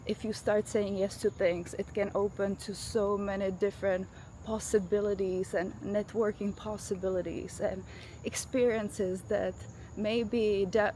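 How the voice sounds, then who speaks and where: With a mellow, mid-range voice, a Czech woman in her thirties vlogs in accented English, urging viewers on with an emphatic motivational talk as she walks her dog outside after rain. The face-tracking camera she films with also records the outdoor noise of crickets, insects, and traffic.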